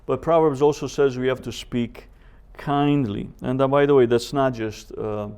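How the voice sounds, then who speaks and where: With a medium-pitched, clean and slightly mellow voice, this professor leads a Bible seminar in fairly even intonation. He speaks in a measured way, pausing deliberately and working in scripture quotations and rhetorical questions.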